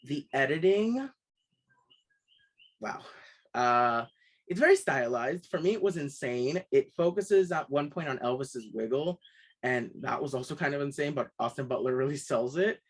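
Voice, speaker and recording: A man co-hosting a casual film review podcast, animated and quick to act out his own reactions. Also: medium pitch, rough recording. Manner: animated, puts on voices when quoting himself.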